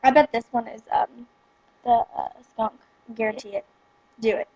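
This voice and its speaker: A woman's voice: a little high, steady tone, normal speed, darkish tone, breathy edge, lo-fi sound. A woman chatting casually while eating gross jelly beans, complaining in a joking, exaggerated way as she reacts to the tastes.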